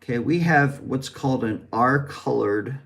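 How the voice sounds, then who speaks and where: An American man from the West Coast teaches English vowel sounds, patiently explaining and demonstrating each one. His voice is medium-pitched and fairly bright, with vocal fry and a slightly slow pace.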